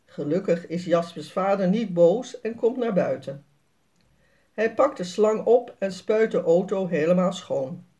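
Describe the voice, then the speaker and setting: A storyteller reading a children's story aloud in a clear, expressive read-aloud voice. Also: mid-range voice, unhurried.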